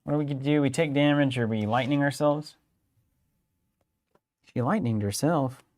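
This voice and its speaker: Co-hosting a card game live stream, a young man narrates each play like a playful sports commentator in casual banter with mock commentary. His medium-pitched voice is a little slow and a little mellow, recorded on a studio microphone with no room sound.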